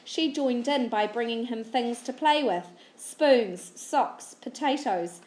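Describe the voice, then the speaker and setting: A woman reading a children's novel aloud in a steady, clear storybook narration. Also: fairly high pitch, slow, roomy sound. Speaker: audiobook reader.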